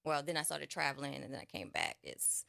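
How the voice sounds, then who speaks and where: Gravelly bright-voiced New woman. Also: sits low, very animated, fairly quick, no room sound, studio quality. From New Orleans. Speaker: guest, actress and host. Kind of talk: casual radio interview.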